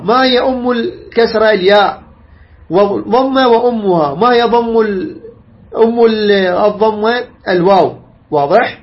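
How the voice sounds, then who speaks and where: A man teaching Quran recitation rules in a classroom lesson. He explains step by step, demonstrates sounds and quizzes his listeners. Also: high-pitched. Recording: slightly dull lo-fi sound.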